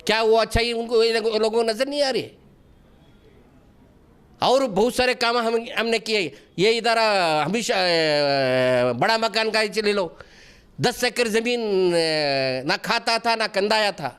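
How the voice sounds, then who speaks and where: A middle-aged man, a wakf board member, answers interview questions in a high, clear, resonant voice with a fairly bright tone and a measured pace. He sounds earnest yet defensive, even pleading, and often restarts his sentences.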